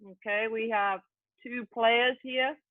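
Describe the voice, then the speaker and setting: Hosting a video call Q&A, this youth soccer coach speaks with an English accent in a high, steady voice, taking her time. She chats freely and keeps saying "okay"; the call audio is tinny and dry, with no echo.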